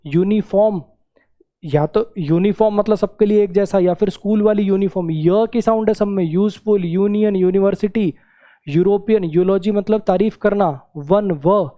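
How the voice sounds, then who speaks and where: A man's voice: sits high, warm tone. A man teaching English grammar in a classroom-style lesson, repeating key words and checking that students follow.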